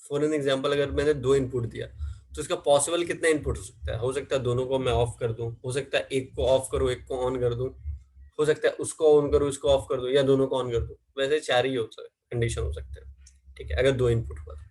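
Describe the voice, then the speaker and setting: Man, teacher, husky voice, classroom lecture, asks and answers his own questions, slow dictation, mixes Hindi and English. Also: mid-range voice, fairly even intonation, a little mellow, poor audio. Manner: asks students questions and answers them himself; slow and drawn out when dictating definitions.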